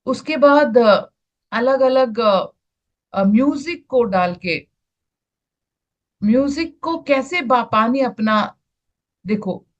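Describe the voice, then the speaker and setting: A woman presenting an online health session, explaining slides in an unhurried way, repeating words and restarting often. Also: high-pitched, animated, muffled recording. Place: online video call.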